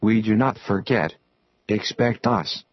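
A man with a disguised deep voice reading a scripted warning statement in a slow, even, menacing recitation, played from an online video. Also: no room sound, highs cut off. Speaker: masked group spokesman in an online video.

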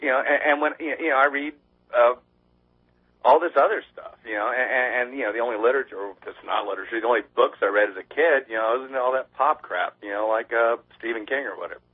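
A man's voice: mid-range voice, fast, husky. A man calling in to a radio show over the phone, chatting in a loose, rambling way and swearing casually. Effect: heard over the phone line. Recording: tinny phone line.

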